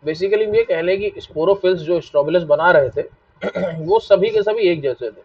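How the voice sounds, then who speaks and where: A man's voice: sits high, normal speed, no room sound. Lo-fi online class, biology teacher guy w hindi accent, keeps repeating stuff n asking students, kinda far from the mic. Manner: repetitive, asks students questions and scolds them to stop fighting. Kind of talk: live online class lecture. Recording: dull lo-fi mic, a bit distant.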